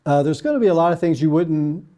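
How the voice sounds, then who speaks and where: Mellow-voiced man from Kentucky, hesitant. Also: fairly high pitch, animated, quick pace. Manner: hesitant, many fillers and restarts. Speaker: landscape architect guest. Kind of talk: casual interview chat.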